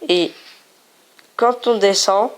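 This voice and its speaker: A woman's voice: medium pitch, slow. A woman hosting a casual game video, chatty and playful, often repeating herself as she shows things on screen. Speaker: gaming video host.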